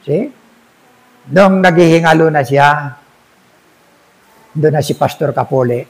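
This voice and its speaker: A man's voice: on the high side, takes it slowly, low-quality recording. A man, an older pastor, preaching a sermon and telling a story, often asking his congregation "see?".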